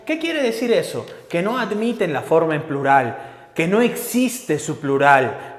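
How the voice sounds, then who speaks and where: A man teaches a grammar lesson at an unhurried pace and keeps checking that his listeners follow. His fairly high voice moves up and down a great deal. The room adds a long, echoing reverb. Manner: explains patiently, checks in with "¿de acuerdo?". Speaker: language teacher.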